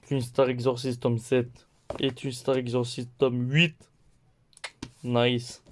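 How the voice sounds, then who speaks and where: Homme lent présentant ses achats de mangas. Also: male voice, mid-range voice, completely flat delivery, slight background noise. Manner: slow, listing titles one by one; playful, laughs at own mistakes. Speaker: manga haul vlogger. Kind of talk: casual haul video chat.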